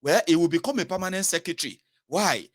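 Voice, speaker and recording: A Nigerian man in his late thirties speaks with a southern Nigerian accent, and his voice sits a little high for a man. He talks straight to the viewer in a political commentary, firing questions and dropping into pidgin now and then. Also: animated, fast. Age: 30s. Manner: emphatic, questions the viewer directly, mixes in pidgin. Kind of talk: direct-to-camera commentary.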